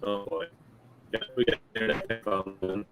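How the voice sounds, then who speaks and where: A man's voice: on the low side, flat delivery, normal speed. Male host, easygoing, heard over a choppy, breaking-up internet connection, a touch of background hiss. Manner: easygoing, rambling with fillers. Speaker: podcast host. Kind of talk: casual livestream chat.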